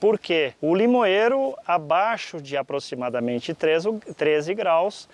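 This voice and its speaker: A man from southern Brazil with a southern Brazilian accent, presenting an explanatory lesson to viewers in a didactic, deliberate way with frequent pauses mid-sentence. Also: fairly high pitch, expressive, no room sound. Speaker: presenter of a fruit-growing lesson.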